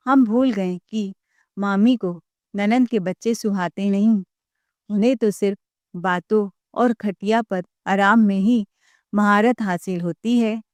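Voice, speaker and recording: A woman voicing a sharp-tongued young sister-in-law who scolds and mocks. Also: medium pitch, slow, no echo, natural voice. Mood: taunting. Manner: scolding, mocking.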